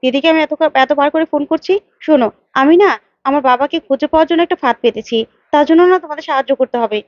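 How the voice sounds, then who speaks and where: Woman doing a quick bossy young girl hatching a plan, high voice, kinda dull dry recording. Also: no echo, close to an everyday voice. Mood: scheming. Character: clever determined young woman laying a trap. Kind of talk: storytelling with voiced parts.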